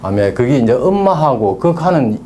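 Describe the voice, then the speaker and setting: Gyeongsang guy rambling through stories, warm low tone, swings up and down a lot. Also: very animated, moderate pace, slight background noise. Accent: Gyeongsang Korean. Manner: storytelling with rambling asides. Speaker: naming consultant. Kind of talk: casual talk.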